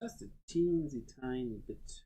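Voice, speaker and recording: A streamer giving casual think-aloud commentary while drawing, muttering to themself and weighing small choices out loud. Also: mid-range voice, measured pace, husky, poor audio. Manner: greets viewers playfully.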